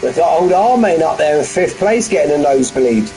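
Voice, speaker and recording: A man's voice: a little high, animated, brisk, dark tone, faint music behind, poor audio. A man giving live race commentary on a stream from his front room at home, chatty and full of banter with his viewers. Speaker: sim racing commentator.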